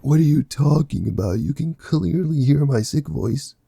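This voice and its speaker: A teenage boy fakes illness in a croaky, husky voice. The tone is very dark and dry, with a gravelly edge, in a film scene. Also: a little high, lively intonation, moderate pace, no room sound, heavily acted. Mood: feigning sickness. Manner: croaky, put-on sick voice. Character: teenage boy faking a sick voice. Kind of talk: film dialogue.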